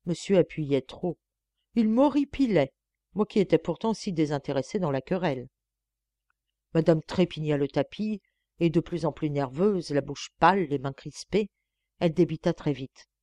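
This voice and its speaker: A woman narrates a classic novel as an audiobook in a steady, measured way. Her voice sits on the low side. The recording is close and dry. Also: no echo. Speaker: audiobook reader.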